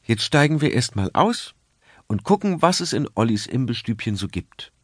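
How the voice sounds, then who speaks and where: A man's voice: mid-range voice, very animated, no echo, studio quality. A man voicing a sensible mother who firmly says no to her child in a children's story. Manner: brisk, no-nonsense.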